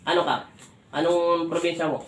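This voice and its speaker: A man's voice: a little high, fairly even intonation, moderate pace. A man from the Philippines working as a folk healer, questioning and giving firm orders during a healing session. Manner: commanding, questions and orders repeatedly. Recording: echoey room with faint ambient noise.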